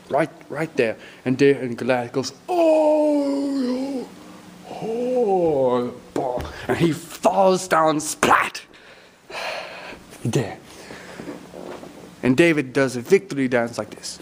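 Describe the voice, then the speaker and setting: A man's voice: mid-range voice, slight background noise. A man retelling a Bible story in a comic way, with playful, teasing asides to his listeners.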